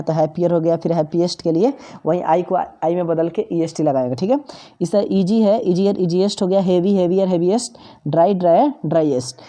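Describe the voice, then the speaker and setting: Soft-toned woman teaching grammar. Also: lowish voice. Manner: patient, step-by-step, repeats examples. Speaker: English teacher. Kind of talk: grammar lesson explanation.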